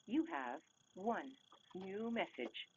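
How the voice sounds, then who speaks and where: A woman's recorded voicemail prompts giving measured, clipped instructions, heard over a landline phone. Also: mid-range voice, very animated, breathy edge. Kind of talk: recorded system announcements. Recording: muffled phone line, faint hiss.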